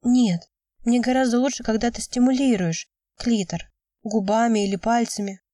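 A woman's voice: a little high, steady tone, moderate pace, dark tone, no room sound, distant mic, pitched above the performer's own voice, natural voice. A woman voicing a young woman who is upset and pleading with her lover, speaking emotionally. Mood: anxious earnest. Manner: emotional, cries out then pleads.

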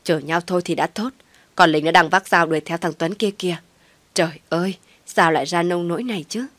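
A woman's voice: on the low side, fairly bright tone, no echo, close to an everyday voice. A woman doing a fretful old mother. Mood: anxious. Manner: fretful, hurried. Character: worried anxious old mother Khánh.

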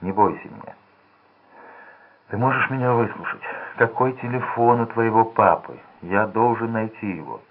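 A man's voice: fairly low pitch, normal speed, voice pushed up. A man voicing a nervous small-time crook, urgent and edgy, in a tinny lo-fi recording. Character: anxious small-time male crook, young. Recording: tinny phone-like lo-fi sound.

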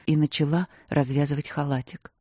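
An audiobook narrator reading a romance fantasy in an even, measured storytelling manner. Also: mid-range voice, no echo, clean studio sound.

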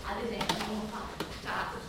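In a bittersweet theatre monologue, an actress plays an agitated woman who rambles to her audience, explaining herself in a halting, repetitive, animated way. Her voice sounds natural, and the mood is excited yet wry. The stage recording is roomy and distant, with faint noise.

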